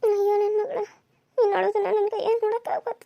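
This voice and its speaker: A woman voicing a middle-aged village mother who mutters quietly while hiding the truth, with a North Karnataka Kannada accent. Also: high voice, little pitch movement, rapid-fire, no room sound, lo-fi sound, lightly acted. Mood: sorrowful. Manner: hushed, muttering.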